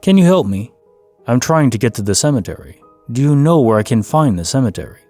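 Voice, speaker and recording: A man's voice: mid-range voice, sing-song, fairly quick, darkish tone, faint music behind. A man voicing a young male traveler with a British accent, politely asking for directions.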